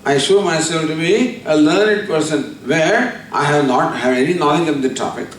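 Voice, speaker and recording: Spiritual teacher, man, measured lecture, slightly high voice, distant mic in an echoey room. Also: slight background noise. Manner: deliberate, explaining with everyday examples. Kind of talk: scripture lecture.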